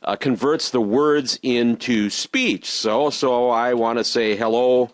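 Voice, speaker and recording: A man teaching robotics in a screen-recorded software tutorial, walking through each step patiently and repeating reminders. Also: medium pitch, takes it slowly, no room sound.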